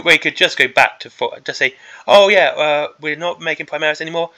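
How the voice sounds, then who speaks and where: A male hobby host talks off the cuff in a somewhat high, sharp-edged voice that is beginning to give out. He rambles emphatically, circling back to repeat his points as he delivers an opinionated rant. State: voice starting to give out.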